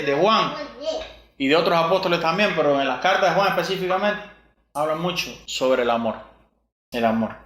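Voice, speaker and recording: Male preacher, sermon style, pitched a bit high, recorded in an echoey room. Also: pushed and bright. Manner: preaches with rhetorical questions, repeating verses.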